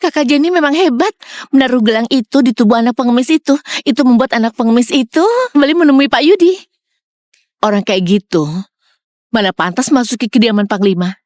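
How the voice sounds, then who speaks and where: A scheming servant woman with a high voice, sly and fawning to her master, as a woman dubs her. The dub is close and dry. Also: brisk, darkish tone, no echo, natural voice. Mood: gloating. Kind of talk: dubbed short drama.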